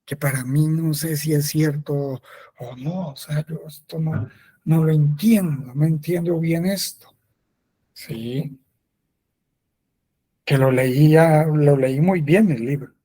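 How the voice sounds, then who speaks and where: Friar for a catechesis talk, male, slightly higher voice, soft warm tone, chatty and repetitive. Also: slow pace, long pauses, husky. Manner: conversational, repeats himself, frequent affirming "sí". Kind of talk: spoken catechesis, personal testimony.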